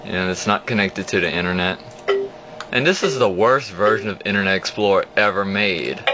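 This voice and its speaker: Here a deep-voiced young man moves at a moderate pace through an informal demo of an old computer, narrating each click as he goes. He rambles a bit, and the whole thing is improvised at a desk in his home. It's captured by a phone camera pointed at the screen, giving hummy, low-fidelity sound.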